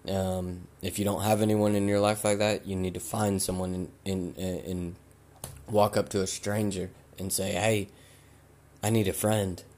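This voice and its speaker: A man hosting a podcast, giving blunt, casual advice and swearing freely, while he loses his voice and keeps clearing his throat. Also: deep voice, level tone, moderate pace, a little mellow. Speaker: podcast host.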